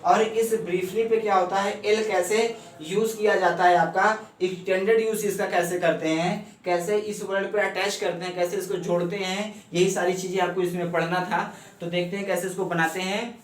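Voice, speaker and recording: A man teaching shorthand step by step, explaining at a board in speech and often asking if it is clear. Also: high-pitched, normal speed. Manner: steady, repeats "ठीक है ना" often. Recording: echoey room, mic far off, faint hum.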